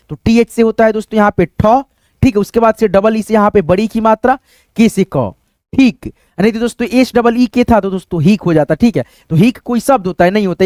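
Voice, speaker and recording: A man's voice: very high-pitched, a little mellow, no echo, studio quality. A man teaching a spelling lesson to camera, spelling words out letter by letter and calling his viewers friends in almost every sentence. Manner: repeats "dosto" constantly, spells out words letter by letter. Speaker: English teacher.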